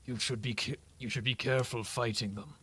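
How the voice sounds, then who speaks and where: A man's voice: mid-range voice, fairly even intonation, fairly quick, a bit bright. A man putting on an old man's voice to read out a scheming game merchant's lines. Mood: ominous. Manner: creaky put-on old man voice. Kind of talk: reading game dialogue aloud in voices.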